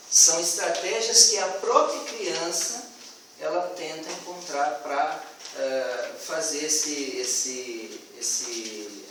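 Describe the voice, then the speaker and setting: A man's voice: a little high, background noise. Hesitant man presenting in an echoey room. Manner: hesitant, many fillers and restarts. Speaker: student presenter. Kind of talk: classroom presentation. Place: classroom. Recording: echoey classroom from far off.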